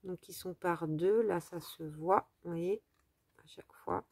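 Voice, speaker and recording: A woman's voice: fairly low pitch, measured pace, darkish tone, no room sound. A woman casually chatting through a craft haul for her followers, enthusiastic and full of fillers. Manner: chatty, enthusiastic about small items, lots of fillers. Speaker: craft vlogger showing a haul. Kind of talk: casual haul vlog, showing items to camera.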